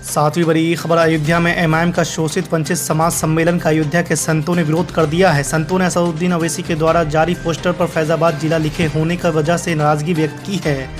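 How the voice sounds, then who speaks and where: News anchor, man, steady formal read, fairly high voice. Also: a little fast, few pauses, over music. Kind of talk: scripted news reading.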